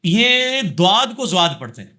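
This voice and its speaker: A man's voice: sits high, very animated, sharp tone. A man, a religious scholar answering audience questions in a live session, lecturing emphatically and checking in with tag questions.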